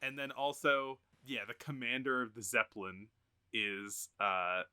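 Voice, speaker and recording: A man's voice: medium pitch, level tone, unhurried, bright, forceful tone, clean tone. A man co-hosting a podcast, talking casually about a film in rambling sentences with frequent fillers and laughs. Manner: rambling, many restarts and fillers, laughs often. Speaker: podcast co-host.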